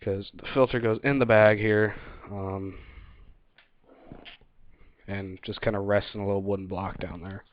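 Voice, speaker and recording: A man's voice: lowish voice, level tone, measured pace, long pauses. A man giving a casual, unscripted product review in an informal, hesitant manner, recorded on a webcam setup. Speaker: gear reviewer presenting a video. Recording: dull lo-fi webcam audio.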